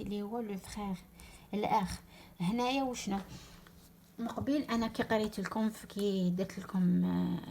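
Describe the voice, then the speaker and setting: A woman's voice: medium pitch, vocal fry, darkish tone. Algerian woman teaching German pronunciation. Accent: Algerian Arabic. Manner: repeats words slowly for pronunciation, mixes in French words. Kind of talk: online language lesson.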